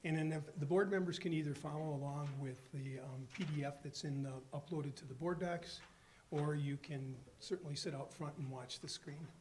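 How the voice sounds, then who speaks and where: Hoarse male finance official, tail end of a cold, steady explanatory delivery full of ums, slightly high voice, faint room hum behind. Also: moderate pace. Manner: steady, explanatory, with frequent um fillers. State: hoarse from a cold, losing his voice. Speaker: school district finance official presenting the budget. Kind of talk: formal budget presentation at a public meeting. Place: school board meeting room.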